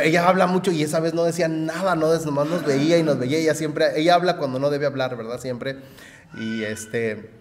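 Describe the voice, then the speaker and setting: A man, preaching a sermon in a conversational way, often adding "¿verdad?" and pausing on fillers. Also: medium pitch, long reverb tail. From Mexico. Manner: conversational, frequent "¿verdad?" tags and hesitations. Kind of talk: sermon with personal story.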